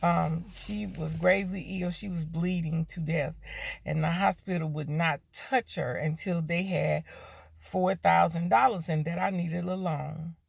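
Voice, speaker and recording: A woman's voice: on the low side, fairly even intonation, unhurried, vocal fry, husky, no echo. A woman in her fifties giving an emotional, heartfelt testimony of thanks, stressing her points with repeated phrases. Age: 50s. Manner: emotional, repeats "when I tell you" for emphasis. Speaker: grateful customer giving a testimonial.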